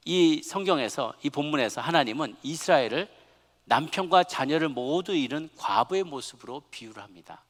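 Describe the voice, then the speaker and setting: A male pastor delivers a sermon in a fairly high voice. He slips from easy, chatty storytelling into loud, fervent preaching. The sound rings with the long reverb of a big church hall. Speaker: senior pastor. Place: large church sanctuary.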